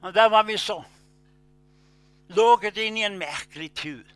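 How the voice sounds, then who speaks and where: Male preacher, high bright voice, storytelling sermon, loud bursts then quiet asides, faint music under. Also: clean tone, no room sound.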